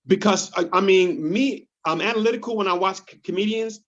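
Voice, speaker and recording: A man who is a comedian, chatting casually on a podcast and telling animated stories, often repeating words as he goes. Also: sits high, a little fast. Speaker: comedian guest. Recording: dull lo-fi sound.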